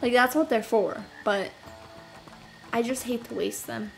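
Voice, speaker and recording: In casual gameplay commentary recorded at her apartment, a young host rambles to herself, sighing often and filling gaps. Her voice is a little high and measured in pace, captured in a low-quality recording with game music plainly in the background.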